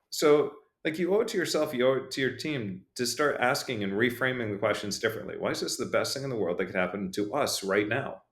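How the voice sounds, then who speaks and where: A man hosting a business podcast, giving an energetic motivational talk and acting out quotes in lively voices. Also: mid-range voice, roomy sound. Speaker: podcast host. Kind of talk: casual motivational monologue.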